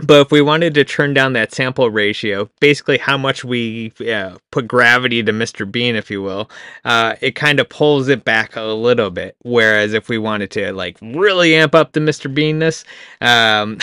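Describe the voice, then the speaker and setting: A man hosting a casual software tutorial, talking in a relaxed way with frequent chuckles and fillers. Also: mid-range voice, clear, resonant tone, no echo, clean studio sound. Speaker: tutorial host.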